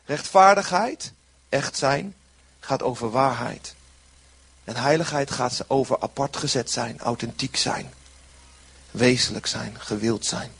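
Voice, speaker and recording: A man's voice: mid-range voice, unhurried, gravelly, fairly bright tone, slightly rough. A man preaching a sermon in an earnest way, repeating short phrases for emphasis.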